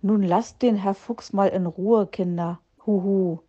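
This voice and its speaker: A woman's voice: mid-range voice, fairly even intonation, unhurried, warm tone, dull audio, close to an everyday voice. A woman voicing a kindly old male eagle owl who hoots between his words.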